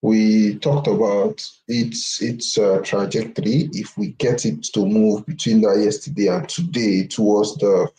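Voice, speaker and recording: A man's voice: lowish voice, dark tone, low-quality recording. A man on a video call, talking through trades in a loose, casual market discussion, often restarting and ending on "right?". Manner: loose talk with frequent restarts and "right?" tags. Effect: voice heard over a video call.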